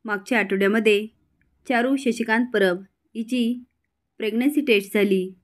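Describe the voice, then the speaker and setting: A woman's voice: fairly high pitch, normal speed, close to an everyday voice. A woman voicing a determined young woman who pleads and insists, in a retold serial. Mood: insistent.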